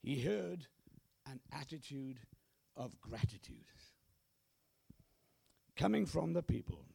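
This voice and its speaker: A croaky, gravelly-voiced male pastor preaching slowly through a cold. His voice is dark and husky, and his pitch swings widely as he urges his congregation on. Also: sing-song. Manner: emphatic preaching, urging the congregation. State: hoarse, getting over a cold. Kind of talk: sermon. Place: church service.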